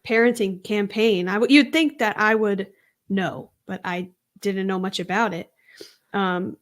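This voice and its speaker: A young woman co-hosts a casual podcast. She talks in an easygoing way, fills gaps with ums and giggles often. Her pitch is ordinary for a woman. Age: young adult. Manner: giggly, filler-heavy, easygoing. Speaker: podcast co-host.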